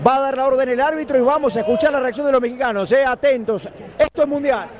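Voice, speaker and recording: A man with a Rioplatense accent giving an excited live street report outdoors, cueing listeners as he goes. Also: extremely high pitch, fast, lo-fi sound. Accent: Rioplatense Spanish. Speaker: field reporter. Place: outdoors among a crowd of fans. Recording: crowd noise behind.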